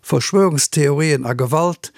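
A man, a biologist reading out a personal statement in an earnest, measured way. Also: fairly high pitch, gravelly, dry recording, clean studio sound. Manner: earnest, measured, with non-native word order. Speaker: biologist giving an opinion.

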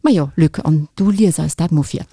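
Frau mit luxemburgischem akzent führt interview, stockend, klingt nah ohne raumhall. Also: female voice, deep voice, normal speed, mellow, slightly rough, dry recording, clean studio sound. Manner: hesitant, many fillers. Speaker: host. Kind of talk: radio interview.

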